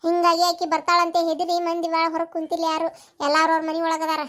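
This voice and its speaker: Cartoon role: rapid-fire North Karnataka village gossip, very high voice, played by a performer. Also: monotone, fairly bright tone. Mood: gossipy. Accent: North Karnataka Kannada. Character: gossiping married village woman. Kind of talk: cartoon comedy voice acting.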